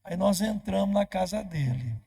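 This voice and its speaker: A man's voice: sits high, animated, moderate pace, gravelly, mellow, slightly rough. A man with a Brazilian Portuguese accent, a pastor telling a story in a sermon and acting out the dialogue as he goes. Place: church.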